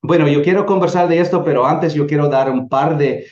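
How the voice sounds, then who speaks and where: Lecturing a church group on missions at a fairly quick clip, the earnest middle-aged man from El Salvador stops and restarts as his thoughts form. The voice is fairly high but mellow and dark, and the audio has a roomy, muted quality.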